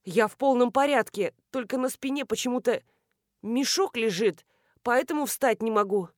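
A mild, matter-of-fact middle-aged professor with a hurt leg, as a woman reads him in an audiobook. The voice sits a little high for a man and is recorded close and dry, with no room sound. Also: moderate pace, dry recording, lightly acted. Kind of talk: audiobook character reading.

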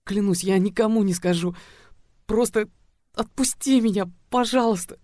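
A tearful young cheerleader girl , put on by a male audiobook reader pleads in a high, shaking voice and stumbles over her words. The sound is close and dry, with no room around it. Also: fairly quick, dry recording, lightly acted. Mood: frightened pleading. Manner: trembling, pleading, stammering. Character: terrified petite young female cheerleader, tearful.

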